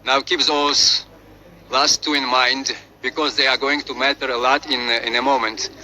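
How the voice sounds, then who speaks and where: Bright-voiced man with a Slavic accent. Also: mid-range voice, flat delivery, rough recording. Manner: halting delivery, often repeating and correcting words. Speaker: presenter of a chemistry refresher. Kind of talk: lesson read from on-screen script with asides.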